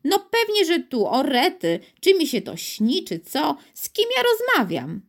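A woman's voice: sits high, huge pitch swings, measured pace, voice pushed up, full character voice. A woman doing a flustered, bewildered chauffeur. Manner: bewildered, exclaiming. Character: flustered grown man, a chauffeur. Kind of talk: storybook reading.

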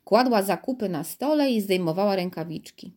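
Woman narrator, children's audiobook, steady storyteller, mid-pitched voice. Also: brisk.

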